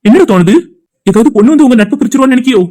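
[name], a voice actor playing a calm young friend. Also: sits high, very fast. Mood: reassuring. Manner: soothing, reassuring. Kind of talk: cartoon voice acting.

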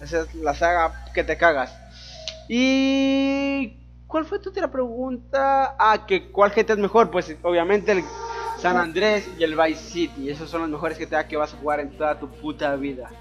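High voiced young guy from ecuador, youtuber answering questions, crude loud jokes, cussing constantly. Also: normal speed, muffled recording, faint music behind. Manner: boisterous, crude joking with lots of swearing. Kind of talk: casual Q&A voice-over over gameplay.

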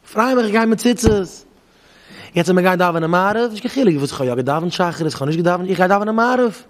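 High-voiced rabbi in a reverberant hall. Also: male voice, quick pace. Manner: animated, acts out back-and-forth dialogues. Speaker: rabbi giving a talk.

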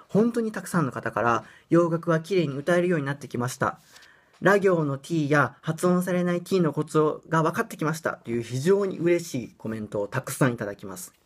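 A man's voice: a little high, a little hiss or hum. A young man from Japan giving a casual pronunciation lesson, chatty and self-deprecating, breaking into bits of song. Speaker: English pronunciation teacher.

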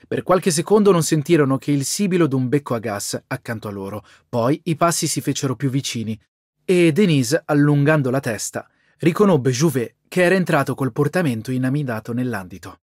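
A man giving a steady, scripted audiobook narration. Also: medium pitch, brisk, no echo, clean studio sound.

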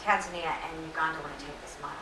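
Slightly hoarse middle-aged woman, bright lower voice, lecture guest recorded from across an echoey room. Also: fairly even intonation, rapid-fire, a little hiss or hum. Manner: earnest, many fillers and self-corrections. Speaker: invited lecture speaker. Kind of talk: lecture Q&A answers. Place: lecture hall. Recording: echoey room, distant mic.

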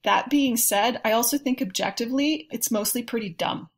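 A woman with a voice on the high side takes part in a casual podcast panel discussion. Her critique is articulate and opinionated, yet measured.

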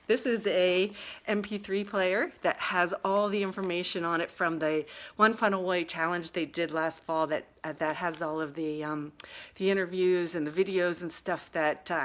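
An older woman chatting excitedly and a bit out of breath while unboxing a package at home, getting sidetracked as she talks. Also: fairly low pitch. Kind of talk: casual unboxing vlog. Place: at home, indoors.

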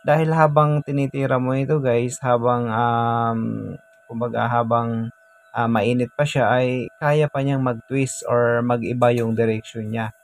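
A man's voice: mid-range voice, little pitch movement, measured pace. A man casually explaining a welding job outdoors, chatty and full of fillers. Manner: chatty, repeats "guys" and fillers while working. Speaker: DIY welding vlogger.

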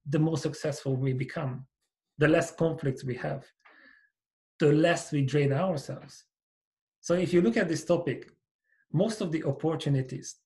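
A man in his forties from Hungary with a Hungarian accent, speaking as a guest on a podcast over a video call, earnest and measured as he explains his ideas. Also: fairly high pitch, darkish tone. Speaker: company founder, guest. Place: small home office with bookshelves. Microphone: over-ear headset with boom mic.

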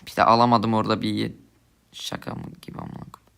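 A man's voice: lowish voice, huge pitch swings, fairly quick, vocal fry, a bit bright. A young man giving angry gameplay commentary, swearing and ranting at his teammates in frustration. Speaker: gamer streamer.

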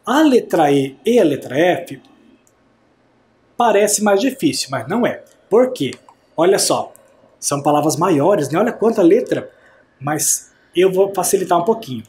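A man with a slightly high voice leads a recorded science lesson for adults. He talks patiently and clearly, spelling out syllables and stopping to ask if the class follows. A faint hiss sits under the recording. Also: a little mellow. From Brazil. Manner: patient, slow and clear, checks understanding often. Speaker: teacher.

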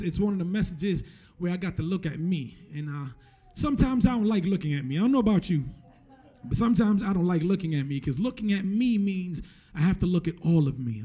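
A man in his thirties, born in Jamaica and moved to the US at eleven, preaches from a church stage indoors into a handheld microphone held close. His high, mellow voice is slightly rough, and he speaks conversationally to his congregation, repeating and restarting phrases for emphasis and often tagging points with "right?".

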